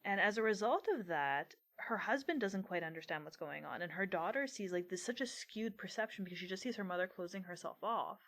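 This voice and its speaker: A woman's voice: mid-range voice, lively intonation, brisk, hardly any pauses, a bit bright. A young woman co-hosting a casual book-discussion podcast, talking things through with frequent laughter. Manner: laughs often while talking. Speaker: podcast co-host.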